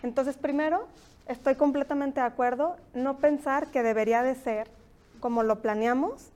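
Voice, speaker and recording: A woman's voice: high voice, moderate pace, a little mellow. A woman with a Mexican accent hosting a podcast interview, reflective and thinking aloud, often ending points with a questioning tag. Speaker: podcast host. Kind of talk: conversational interview.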